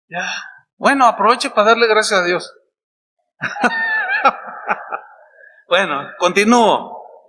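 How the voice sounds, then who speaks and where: A man's voice: a little high, pushed and bright. A man preaching a sermon at a church meeting, talking conversationally with rhetorical questions and playful asides. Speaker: pastor.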